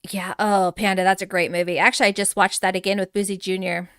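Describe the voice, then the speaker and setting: A middle-aged woman hosts a live gameplay stream, chatting loosely, laughing often and calling out viewers by name. Her voice sits at an ordinary middle pitch. It comes through a close mic with a dry, roomless sound. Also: level tone, fast talker, a bit bright, clear, resonant tone, dry recording. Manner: chatty and giggly, reading out chat names. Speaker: livestream host touring a game island. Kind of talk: casual live gameplay chat.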